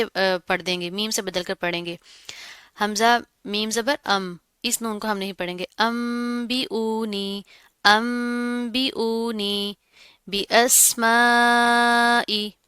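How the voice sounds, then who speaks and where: A woman's voice: fairly high pitch, pushed and bright, clear, resonant tone, dry recording. Patient woman teaching recitation. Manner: patient, repeats words slowly, asks and answers her own questions. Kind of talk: tajweed lesson, explaining and reciting.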